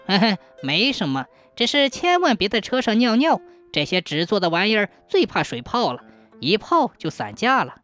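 A woman's voice: sing-song, normal speed, soft background music. A woman voicing a male ghost cart driver who complains in a pushy, raised voice. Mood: sly. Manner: loud, complaining, high-pitched.

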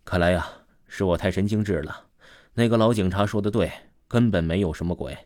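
A man's voice: low voice, a little fast, dry recording, studio quality, lightly acted. A man voicing a cocky, easily scared young man. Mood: relieved. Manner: blustering, shouts when frightened.

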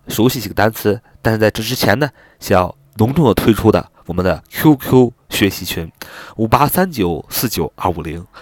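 A man giving a recorded English vocabulary lesson. He spells each word out letter by letter and repeats it slowly, in a steady, explanatory classroom tone. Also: lowish voice, no echo.

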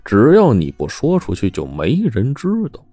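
A man's voice: low-pitched, very animated, moderate pace, a little mellow, no room sound, heavily acted. A man voicing a scheming, ruthless middle-aged male mine boss in a told story, with an oily, smug, wheedling manner. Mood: sly.

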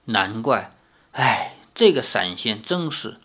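Brief: stern aging sword master, low and heavy, sighing, voiced by a man. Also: big pitch swings, slow pace, pushed and bright, exaggerated voice. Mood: grave. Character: stern aging male martial arts leader.

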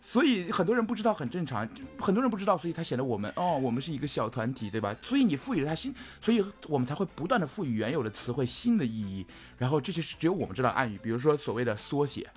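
A male co-host talks quickly in a relaxed group chat, his pitch swinging widely as he explains. He builds up steam on his points, with faint music under the talk. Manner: animated, explains at length with rising excitement. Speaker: podcast co-host.

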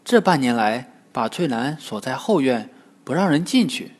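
A man narrating a classic tale for children in an expressive storytelling manner. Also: mid-range voice, normal speed, husky. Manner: lively, expressive. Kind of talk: scripted narration.

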